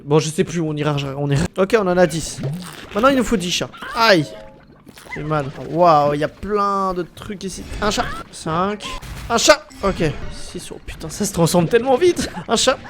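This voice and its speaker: A man with a blocked, nasal-sounding nose, giving casual, slangy, sweary gameplay commentary to his viewers. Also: a little high. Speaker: gaming video host. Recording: background noise behind voice.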